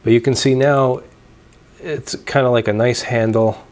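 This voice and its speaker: This homebrewing video features a young host speaking at medium pitch and a measured pace, casually demonstrating parts and explaining them. He restarts sentences and uses fillers freely; a lapel mic captures him in a small room at his home.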